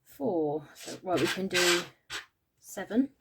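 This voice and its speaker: A woman's voice: lowish voice, animated, takes it slowly, heavy background noise. A British woman in a casual budgeting vlog, tired and yawning, counting money aloud with many "um" fillers. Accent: British English. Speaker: budgeting vlogger. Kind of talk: casual cash-stuffing vlog chat.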